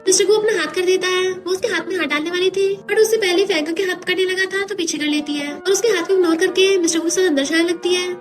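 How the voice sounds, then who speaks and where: A woman narrating a brisk, chatty recap of a drama story, hopping from scene to scene. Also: very high voice, over music. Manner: brisk, chatty retelling that switches between scenes.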